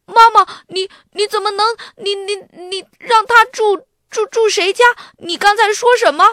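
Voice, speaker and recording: A woman's voice: sits high, unhurried, dry recording, clean studio sound, voice pushed up, heavily acted. A woman playing a flustered young boy aardvark. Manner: excited, stammering.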